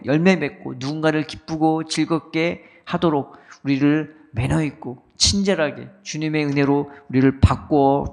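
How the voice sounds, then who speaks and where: A male pastor preaching an early-morning sermon with emphatic, repeated phrases and a rising and falling delivery. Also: a little high. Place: church sanctuary. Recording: long reverb of a church hall.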